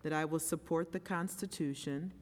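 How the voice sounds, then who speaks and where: A woman's voice: low-pitched, steady tone, moderate pace. A woman justice administering a formal oath in short phrases for others to repeat. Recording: echoey hall, faint crowd.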